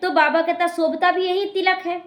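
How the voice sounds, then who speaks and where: A woman's voice: very high voice, flat delivery, normal speed. A woman, a spiritual teacher explaining scripture to a class, repeating her points and speaking straight to her listeners. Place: meditation class hall. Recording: echoey room.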